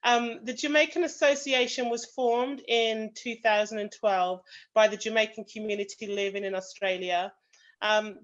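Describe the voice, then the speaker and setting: A British-accented woman who is an association president joins a video call as a panel guest, delivering a prepared talk. Her mid-range voice comes through with lo-fi sound, and she fills her speech with lots of "um" and hedges like "kind of".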